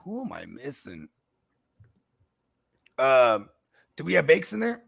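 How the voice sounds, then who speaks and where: Man, gravelly, lively swings in pitch, rambling casual storyteller, swears a lot. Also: slow pace, no echo, clean studio sound. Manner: rambling, animated storytelling, swears, repeats "you know what I mean". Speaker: co-host, league commissioner. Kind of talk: casual live-stream chat.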